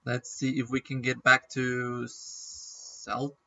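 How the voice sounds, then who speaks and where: A man rambles through casual gaming commentary, chatty and stopping often to clear his throat against a nagging cough. His voice is very bright and sharp. The sound is dull and a little distant, as if he sits back from the mic. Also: medium pitch, monotone, slow pace. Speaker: gaming YouTuber.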